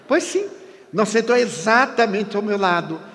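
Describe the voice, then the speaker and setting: A male spiritual lecturer with a fairly high voice and an emphatic delivery. He drags out key words and pauses for effect. A long reverb hangs in the large hall behind him. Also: expressive, fairly bright tone. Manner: emphatic, with slow drawn-out stresses and dramatic pauses.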